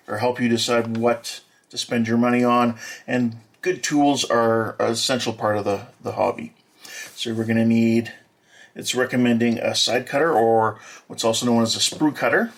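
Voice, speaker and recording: Hesitant man describing kit parts. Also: mid-range voice. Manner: hesitant, many filler pauses; plain, matter-of-fact describing. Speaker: hobby model builder. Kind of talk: unboxing walkthrough.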